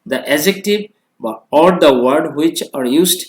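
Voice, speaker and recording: A man's voice: fairly high pitch, expressive, drawn-out words, roomy sound. A male English teacher giving a classroom grammar lesson, switching between two languages and often asking questions that he then answers himself.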